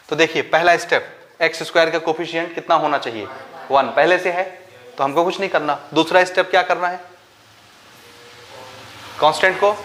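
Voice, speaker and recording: A male maths teacher with a Chhattisgarh Hindi accent gives a board-style lesson, walking through each step and posing questions to the class that he answers himself. His voice is a little high with a fairly bright tone, and he mixes English maths terms into his Hindi. Slight background noise is audible.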